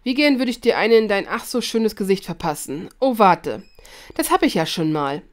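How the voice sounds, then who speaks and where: A woman's voice: medium pitch, animated, moderate pace, natural voice. A woman voicing a clever, proud teenage witch girl in a fan fiction audiobook reading, speaking firmly and indignantly. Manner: indignant, firm.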